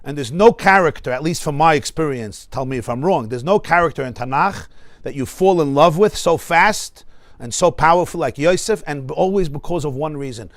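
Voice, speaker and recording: American rabbi teaching a class, pretty high voice, lively, keeps asking the room stuff, dry close sound. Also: male voice, moderate pace, no room sound. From United States. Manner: animated, laughs often, asks the audience questions. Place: synagogue study hall.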